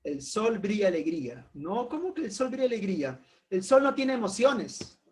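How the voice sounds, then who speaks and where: A man's voice: high voice, sing-song, normal speed. A man teaching a philosophy class in an informal way, calling on students by name, asking rhetorical questions and making jokes.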